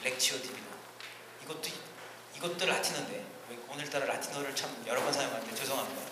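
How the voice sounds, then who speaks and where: A man's voice: medium pitch, fast talker. Male pastor preaching in an echoey hall. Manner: earnest, swinging between emphatic rises and quiet asides. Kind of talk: teaching sermon at a church seminar. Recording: echoey hall, distant ambient noise.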